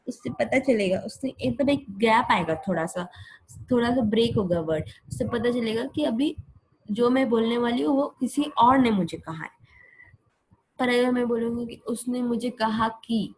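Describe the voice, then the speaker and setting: Husky-voiced woman teaching grammar patiently. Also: on the high side, moderate pace, low-quality recording. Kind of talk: Hindi-medium classroom lesson.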